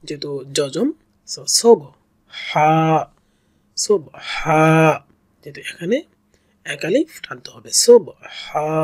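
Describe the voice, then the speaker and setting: A reading teacher talks through a beginner's lesson at a very slow, unhurried pace. The voice is dry and close, with no room sound. Each syllable is sounded out on its own and repeated patiently, and the long vowels are drawn out. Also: mid-range voice, darkish tone, dry recording.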